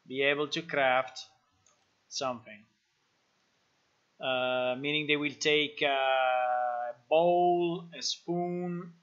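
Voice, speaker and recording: Italian-accented man, game developer, casual live-stream chat, halting, dull lo-fi audio. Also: on the high side, a bit bright. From Italy. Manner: thinking aloud, reading chat, many fillers and restarts.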